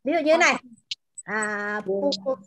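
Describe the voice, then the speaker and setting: A woman teacher in an online class, patiently explaining words and pronunciation and repeating them slowly over a video call. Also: fairly high pitch, animated, a bit bright. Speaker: language teacher.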